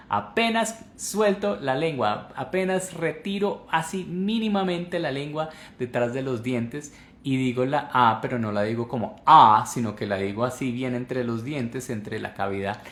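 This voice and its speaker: A man's voice: medium pitch, animated, unhurried, hardly any pauses, roomy sound, slight background noise. A man teaching English pronunciation in a live online class, explaining and repeating words over and over to demonstrate the sounds.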